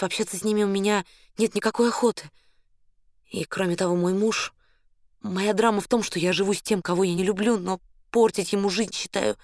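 Man putting on a high falsetto young woman, anxious, imploring, dry close sound. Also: no echo, close to an everyday voice. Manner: agitated, imploring. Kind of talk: audiobook character voice.

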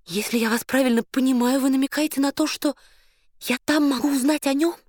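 A man reading an audiobook, voicing an anxious young woman in a high falsetto, her talk agitated and imploring. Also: a little fast, no room sound, clean studio sound. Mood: eager. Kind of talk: audiobook character voice.

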